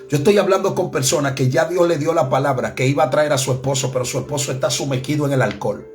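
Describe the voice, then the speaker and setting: A male pastor with a high voice preaches with fervor. He swings from hushed, low stretches to loud, climbing peaks. Soft music plays faintly behind him. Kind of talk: sermon.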